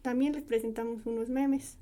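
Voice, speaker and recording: Young woman, student presenter, mellow warm voice, reading from a script. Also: fairly high pitch, steady tone, normal speed. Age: young adult. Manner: reads aloud from a prepared script.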